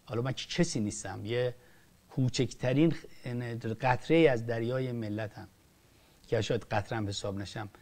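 An older Iranian film director delivers impassioned political commentary in a medium-pitched, somewhat dark male voice. His speech rises and drops sharply with emphasis, and he restarts often.

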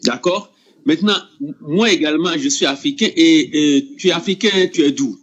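A man's voice: fairly high pitch, normal speed. A man from Ivory Coast moderating an online religious debate, pressing the same question again and again. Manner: insistent, repeats his question. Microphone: online voice call. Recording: muffled lo-fi online call audio.

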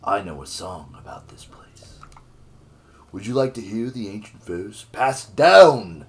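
A man's voice: on the low side, sing-song, unhurried, a little hiss or hum. A man putting on Cass, a sultry bird bard. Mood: grandiose. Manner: sultry, theatrical and flowery. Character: flirty smooth-talking male bird bard.

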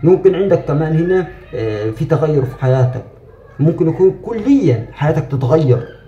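A man giving a spiritual fortune reading in a reassuring, repetitive monologue, with drawn-out "aah" fillers. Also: fairly high pitch, very animated, dark tone, echoey room, dull audio, a little hiss or hum.

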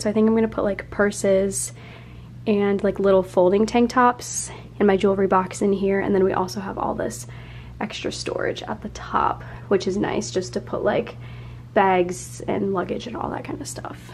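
A woman's voice: mid-range voice, flat delivery, moderate pace, vocal fry, a little mellow, a little hiss or hum. A woman in her twenties talking casually through a home vlog, rambling with lots of "like" fillers while filming on a handheld phone indoors. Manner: chatty, rambling, many "like" fillers. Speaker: vlogger. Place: apartment rooms and closet, indoors. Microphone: handheld phone camera.

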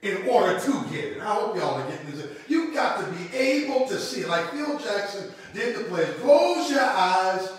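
A middle-aged pastor preaches a sermon from a lectern in a church room with a logo backdrop, his high-pitched voice swinging widely at a normal speed with few pauses. He repeats key lines, calls out to the congregation and makes sweeping gestures. A distant camera mic picks him up in an echoey room.

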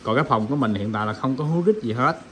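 A man's voice: mid-range voice, rapid-fire, a bit bright. A man walks viewers through a product demo in a loose, chatty way. He keeps dropping fillers and calling his audience friends. His voice sits in a middle range, with faint noise behind him indoors. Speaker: audio shop owner demonstrating gear. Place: indoor room with sound system.

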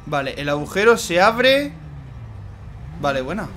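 Excitable young Spanish gamer guy. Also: high voice, measured pace, soft background music. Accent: Spain Spanish. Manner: excitable, stammering repeats, swears. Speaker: gaming YouTuber. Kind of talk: casual gaming commentary.

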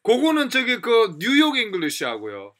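A man with a Korean accent teaching English pronunciation in a lively lecture, repeating and drilling example phrases. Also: very high voice, moderate pace. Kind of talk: lively classroom lecture with demonstrations.

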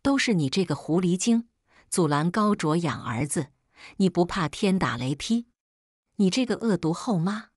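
A woman's voice: fairly low pitch, animated, normal speed, a little mellow, no room sound, clean studio sound. A woman voicing a grieving old mother who wails, accuses and begs tearfully, in a storybook reading. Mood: raging. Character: wailing grieving old mother, shrill and abusive. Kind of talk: storybook narration.

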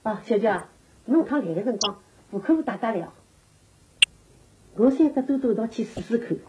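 Actress as older Shanghai-accented grandmother, pragmatic, lively intonation, television drama, noisy worn recording. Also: on the high side, a little fast, lightly acted. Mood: persuading. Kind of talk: naturalistic television drama dialogue. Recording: dull, noisy old TV tape.

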